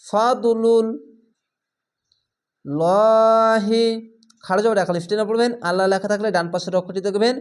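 Guy teaching recitation line by line, drags out each word real slow then explains it. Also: sits high, fairly even intonation, smooth. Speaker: Quran reading teacher. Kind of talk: step-by-step recitation lesson.

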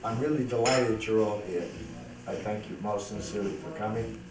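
A man's voice: on the low side, normal speed. A middle-aged man, a father at his birthday party, joking, teasing and giving a toast, heard on an old VHS camcorder home video. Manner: jokey, teasing, laughs often. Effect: old VHS camcorder home video sound. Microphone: camcorder built-in mic at a distance. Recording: echoey room, camcorder mic far off, loud music.

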